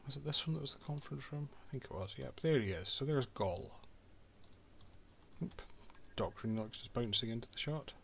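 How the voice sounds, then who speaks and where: A man's voice: mid-range voice, animated, fairly quick, vocal fry, a little hiss or hum. A man giving casual commentary over a video game, full of dry, sarcastic asides. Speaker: game streamer.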